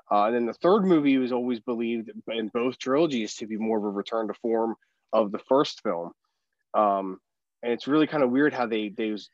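A man's voice: medium pitch, no room sound. Male podcast co-host, rambling casual film talk, dull lo-fi dry mic. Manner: rambling, many restarts and fillers.

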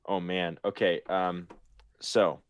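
A man's voice: deep voice, flat delivery, slow pace, smooth, no room sound. A young man chatting as a guest on a podcast, laid-back and easygoing. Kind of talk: casual chat over a video call.

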